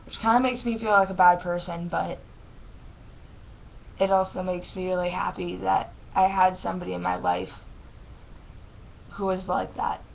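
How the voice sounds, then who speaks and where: A young adult woman with a lisp and thick, swollen-tongue speech, talking haltingly and plainly in a casual personal vlog. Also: lowish voice, level tone, vocal fry. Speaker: vlogger. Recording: dull lo-fi sound with faint noise.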